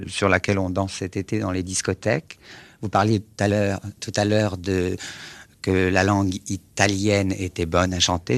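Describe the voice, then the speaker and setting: A man's voice: low voice, dry recording. A man hosting a radio show, friendly and a little hesitant as he speaks to his guest. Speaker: radio host.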